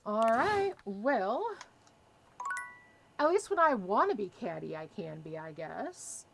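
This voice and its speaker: A woman doing casual let's-play commentary, reading choices aloud and thinking out loud. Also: mid-range voice, sing-song, takes it slowly, gravelly, noisy background. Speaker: gaming streamer playing a dating game.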